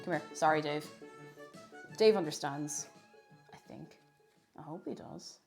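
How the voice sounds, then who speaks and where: A woman's voice: sits low, a little slow, creaky, music in the background. A woman hosting a casual livestream, chatting playfully with viewers, repeating phrases and slipping into sing-song nonsense syllables. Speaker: live streamer host. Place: kitchen at home.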